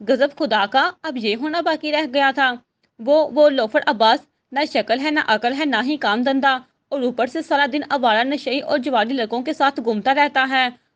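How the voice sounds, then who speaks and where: A woman's voice: high voice, normal speed, dull audio, lightly acted. A woman voicing an angry, indignant widowed mother who scolds her daughter, in a storybook reading.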